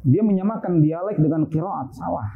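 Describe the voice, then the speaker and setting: A man's voice: on the high side, normal speed, gravelly. A man giving a casual, explanatory religious lecture on Quran sciences, full of fillers and rhetorical questions, in an online class. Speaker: Islamic studies teacher. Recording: tinny phone-like line.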